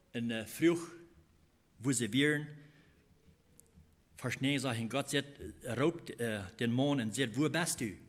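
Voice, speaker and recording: Male preacher, mid-pitched, halting sermon delivery with repeated phrases. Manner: halting, repeats phrases while explaining scripture.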